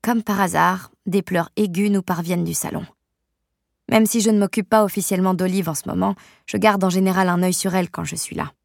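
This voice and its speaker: A woman narrating a novel in the first person with an even, storytelling delivery. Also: lowish voice, creaky, no echo, clean studio sound. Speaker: audiobook narrator.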